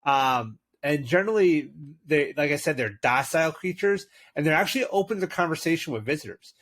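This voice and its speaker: A man's voice: on the high side, lively intonation, a little fast, fairly bright tone. A man co-hosting a tabletop game podcast, chatting eagerly with many fillers and narrating a dramatic scene. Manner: enthusiastic, with frequent fillers. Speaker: podcast co-host and game master. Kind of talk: casual chat and dramatic narration.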